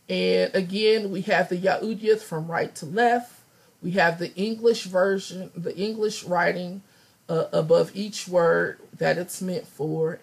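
A woman still recovering from laryngitis teaches a scripture study lesson over slides. Her voice is hoarse, raspy and fairly low, and she thinks aloud with many ums.

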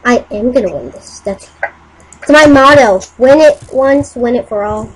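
A woman giving casual, excitable commentary on her own gameplay, muttering to herself and breaking into silly sing-song chants. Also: a little high, moderate pace, slightly rough, rough recording. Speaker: gameplay channel host.

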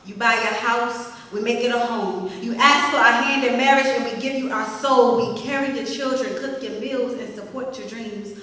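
Young woman, spoken word poet, bright high voice, echoey hall from a distance. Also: fairly even intonation, moderate pace, hardly any pauses. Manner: rhythmic, emphatic, confrontational delivery with rising punch lines. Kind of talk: spoken word poetry performance. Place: small arts center stage, indoors. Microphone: stand mic, filmed from the audience.

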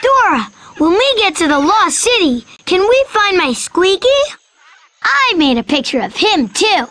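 A young performer voicing a cheerful boy monkey sidekick in a children's game, asking eager, excited questions. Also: very high voice, measured pace, dry recording, exaggerated voice.

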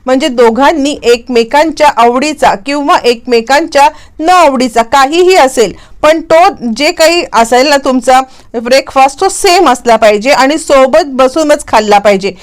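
Brief: easygoing male counselor handing out a task, read by a woman, high voice. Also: moderate pace, few pauses, close to an everyday voice. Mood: breezy. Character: chatty male marriage counselor on a phone.

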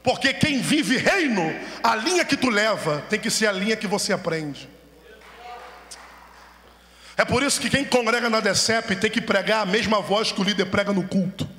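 A man preaching a sermon from the altar, animated, firing rhetorical questions and calling for amens. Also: high voice, normal speed. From Brazil. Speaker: pastor preaching. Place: church sanctuary, at the altar. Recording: echoey church hall reverb.

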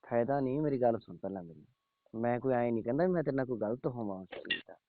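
A man's voice: mid-range voice, lively intonation, racing, no echo. A man on a phone call, coaxing and pleading with the woman he is calling. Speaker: caller. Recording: tinny phone line.

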